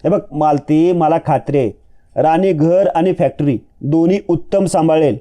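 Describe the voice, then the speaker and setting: A man's voice: on the high side, normal speed, warm tone, natural voice. A man voicing a kindly older father-in-law who argues patiently and persuasively.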